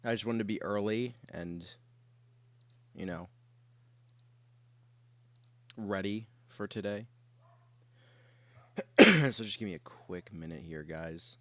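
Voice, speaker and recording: A young man with a fairly low voice hosts a casual livestream while sick. He drifts from thought to thought with plenty of fillers and now and then clears his throat. The sound is dry, with no room echo. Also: takes it slowly, long pauses, fairly bright tone. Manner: rambling and laid-back, many fillers. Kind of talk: casual livestream chat with viewers. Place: his bedroom.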